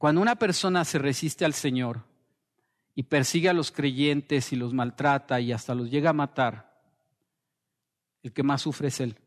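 Male pastor, passionate sermon delivery, slightly high voice, long hall reverb. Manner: impassioned preaching, dropping to soft slow quotes.

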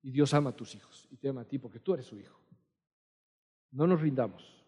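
A man's voice: mid-range voice, a little fast, warm tone, slightly rough, dull audio. A middle-aged man preaching a sermon as pastor, earnest and emphatic, repeating key lines for weight. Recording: long hall reverb.

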